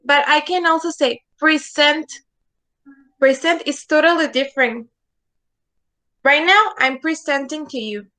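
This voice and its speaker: A woman's voice: sits high, normal speed, sharp tone, rough recording. A woman teaching an English lesson in an online class, patient and repetitive, checking in with "okay?" again and again. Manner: patient, repeats words and asks "okay?" often.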